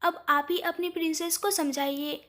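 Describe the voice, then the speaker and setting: A woman's voice: very high voice, steady tone, moderate pace, a bit bright. A woman voicing a playful, teasing young woman in a storybook reading. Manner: light, teasing.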